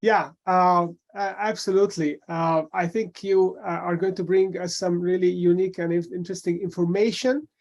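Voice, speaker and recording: Male interviewer with a high voice, conversational and halting as he asks. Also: fairly even intonation, a little mellow, muffled recording. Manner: halting, restarts phrases while asking. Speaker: podcast host.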